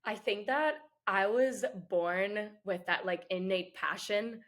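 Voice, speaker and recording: Speaking slowly at a medium pitch, a woman in her twenties from Puerto Rico chats through an interview as a guest. The dancer is soft-spoken and fills her answers with frequent "like"s.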